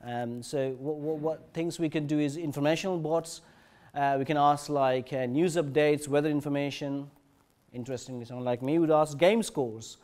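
Male conference presenter, somewhat high pitch, halting delivery with frequent fillers and restarts. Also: fairly even intonation, darkish tone. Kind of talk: technical conference talk. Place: conference session room.

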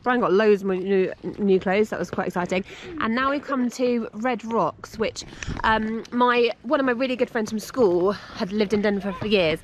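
A woman's voice: mid-range voice, moderate pace, few pauses. A middle-aged woman, chatting casually through a family travel vlog and laughing often. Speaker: vlogger. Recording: music underneath.

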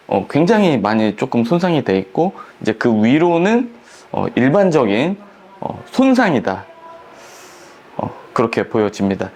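A man's voice: medium pitch, darkish tone. A man, a hair salon director, explaining a perm process step by step in an instructional demonstration, with frequent fillers.

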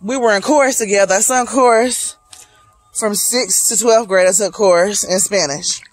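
A woman's voice: mid-range voice, moderate pace, faint music behind. A woman in her late thirties from Charlotte, talking to viewers in a reflective, motivational way while hiking, filmed on a phone held at arm's length outdoors. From Charlotte, North Carolina. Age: 30s. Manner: chatty, reflective, motivational, talks to viewers as "y'all". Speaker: vlogger. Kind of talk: casual vlog monologue. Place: wooded hiking trail outdoors. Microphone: phone held at arm's length while walking.

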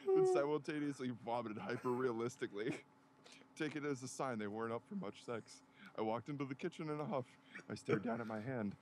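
A man reading a comic fan story aloud in a steady voice, sometimes breaking down laughing. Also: medium pitch, a little fast, very noisy. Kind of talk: comedic dramatic reading.

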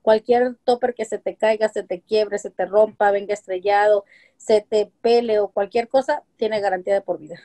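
A woman in her forties talks at a moderate pace in a warm, mid-range voice with a steady tone. She joins a casual interview by webcam video call from a home room lined with colorful containers on shelves, and as a home-business seller she explains chattily through examples with plenty of "este" and "eh."

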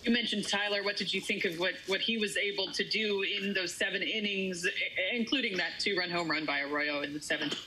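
A woman's voice: medium pitch, fairly quick, hardly any pauses, bright, forceful tone, slight background noise, rough recording. A woman reporter asking straightforward questions at a postgame video press conference.

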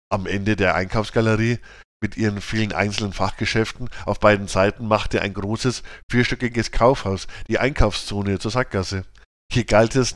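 A man reading a children's audiobook with even, clear storytelling. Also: lowish voice, no echo, studio quality. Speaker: audiobook narrator.

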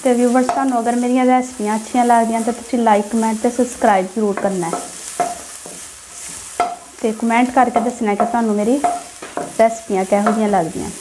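A woman with a Punjabi accent, a home cook who hosts a cooking channel, walks her viewers through a recipe step by step from beside the stove in her home kitchen. Her voice is fairly high, with fairly even intonation, a brisk pace, and long pauses. A sizzling pan and stirring sounds fill the background.

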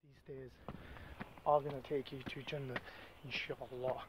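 A man's voice: medium pitch, level tone, measured pace. A young man, talking casually to a handheld camera at arm's length while walking outside, chatty and loose, full of fillers. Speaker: vlogger. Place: outdoors on hillside paths and streets. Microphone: handheld camera mic at arm's length. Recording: noisy outdoor camera audio.

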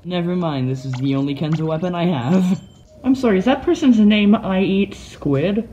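A woman giving casual, playful, self-mocking commentary on her own gameplay, with bursts of excited yelps. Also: on the low side, moderate pace, slight background noise, poor audio.

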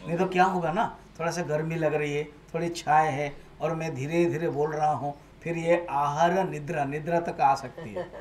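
In a room of a private residence, a swami gives a spiritual discourse at a home gathering, mixing English words into his Hindi. His voice is a little high and a little mellow, with a steady tone and moderate pace, and the sound is roomy. He asks his listeners questions and prompts them to repeat after him.

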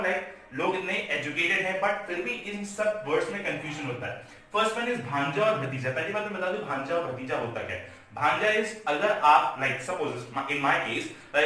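A man's voice: a little high, pushed and bright, far from the mic. A man with an Indian accent teaching an English lesson, explaining step by step and mixing English words into Hindi. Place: classroom or room with a whiteboard. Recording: echoey room, voice from off the mic.

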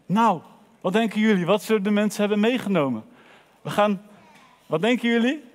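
A man's voice: high voice, a little fast, in a large hall. A man presenting in a children's church, telling a story and talking directly to the kids. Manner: lively, addresses the children directly.

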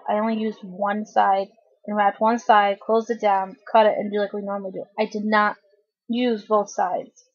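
A woman's voice: medium pitch, a little mellow, husky, muffled recording. A woman hosting a casual craft tutorial, chatting informally and correcting herself as she works with her hands while a cough drop sits in her mouth.

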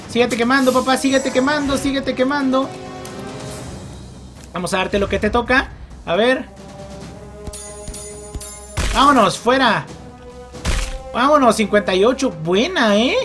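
A man with a Mexican accent commentating a video game he is playing. He is excitable, talks to the characters, and yells and groans when he fails. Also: very high-pitched. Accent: Mexican Spanish. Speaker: gameplay commentator. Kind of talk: let's play commentary.

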